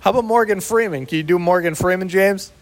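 A man's voice: high-pitched, fast. Man talking with big hall echo. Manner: easygoing, teasing, chuckles often. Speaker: podcast co-host. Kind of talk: casual chat. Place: sheltered outdoor spot by an abandoned building. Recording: big echoey hall reverb.

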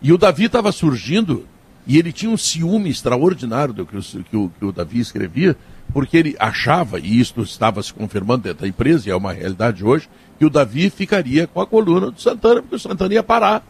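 Veteran gaúcho journalist, 70s, husky, reflective storyteller. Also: male voice, mid-range voice, expressive, darkish tone. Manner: explanatory, measured.

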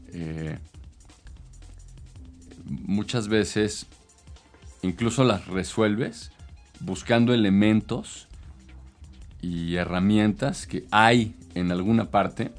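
A man's voice: deep voice, darkish tone. A man, a consultant, explaining business ideas in casual chat, with many hesitations and fillers.

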